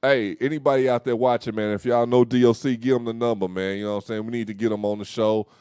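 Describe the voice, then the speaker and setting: A young man co-hosting a casual talk show, talking in loose slang and telling animated stories. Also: mid-range voice, quick pace, clear, resonant tone, no room sound, studio quality. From Dallas, Texas. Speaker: host. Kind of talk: casual podcast chat.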